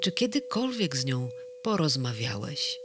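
A reader as Pan Sen, a calm dream keeper. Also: medium pitch, a little slow, noisy background. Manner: calm, gently solemn, soothing. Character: calm, kindly male night worker of dreams. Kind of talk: children's storybook reading.

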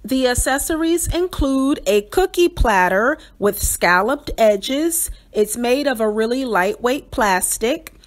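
A woman hosts a doll channel, cheerfully describing toy pieces in an unboxing review voice-over, enthusiastic and descriptive with fillers. Her voice is a little high with lively intonation, and she takes it slowly with few pauses.

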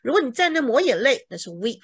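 A woman's voice: high-pitched, big pitch swings, fast talker, breathy edge. A woman teaching a bible English lesson in Mandarin, explaining each word and checking with her students. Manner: acts out examples dramatically.

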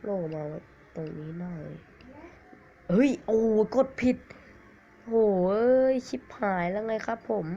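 A man with a cold giving rambling, excitable commentary on a mobile game, swearing at it now and then. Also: high-pitched, unhurried, long pauses. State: has a cold. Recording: dull lo-fi recording with faint hiss.

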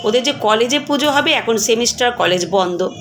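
A woman's voice: fairly high pitch, lively intonation, moderate pace, music in the background. Chatty woman vlogger's cooking voice-over. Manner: chatty and homely, talks to viewers as friends.

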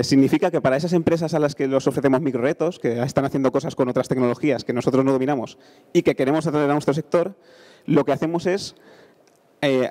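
Holding a mic on stage, an engineer in his thirties speaking with a Spain accent gives a casual conference presentation about a startup accelerator. His voice is fairly high and mellow, and he keeps it conversational with frequent check-in tags.

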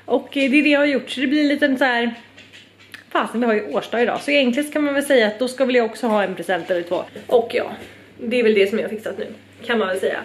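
A woman's voice: fairly high pitch, a little hiss or hum. Bubbly young woman vlogging at home, kinda tired and rambly, roomy echo. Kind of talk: casual vlog chat.

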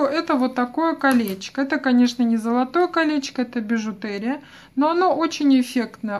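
A woman with a high, light voice talks through her latest small purchases one by one. She speaks warmly and directly to her viewers, in a chatty review manner. She is recorded indoors at a table while the camera looks down at her hands. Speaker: vlogger reviewing online purchases. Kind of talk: unboxing review talk.

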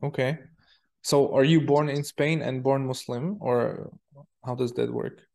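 A young man hosting an interview over a video call, asking relaxed questions with fillers. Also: mid-range voice, measured pace, vocal fry. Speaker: host. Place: indoor room.

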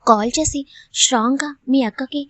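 A woman voicing a scheming young male villain who taunts and threatens in a fast, mocking way. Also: high-pitched, no room sound. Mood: taunting.

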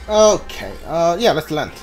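With a fairly high, very animated voice, a bit slow and a little mellow, the man offers relaxed live commentary on his game, hesitating and wandering as he thinks aloud. Faint music and soft game ambience play behind him.

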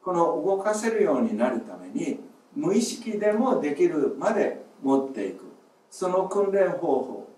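Man, music teacher, video lesson, shouted demo counts, somewhat high voice, echoey room. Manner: demonstrates exercises by shouting short counts. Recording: roomy echo, distant mic.

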